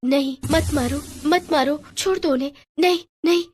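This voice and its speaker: A woman voicing a frightened teenage girl in a storybook tale, speaking high and pleading. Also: unhurried, noisy background. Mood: terrified.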